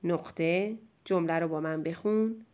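A woman teaching a spelling lesson, reading words and sentences slowly and clearly, one word at a time, for a child to write down. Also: on the low side, darkish tone. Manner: slow, clearly spaced word-by-word dictation.

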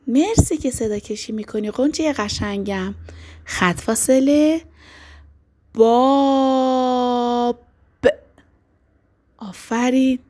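A woman teacher with a fairly high voice runs a dictation lesson for small boys. She praises them over and over in a fond, encouraging way. She stretches each letter and word out slowly. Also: darkish tone, breathy edge. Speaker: primary school teacher.

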